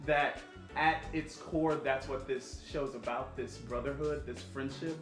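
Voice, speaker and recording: A man's voice: mid-range voice, fairly even intonation, unhurried. A man hosting a conversational interview, explaining things emphatically as he goes. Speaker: host and writer of the series. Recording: roomy echo with music underneath.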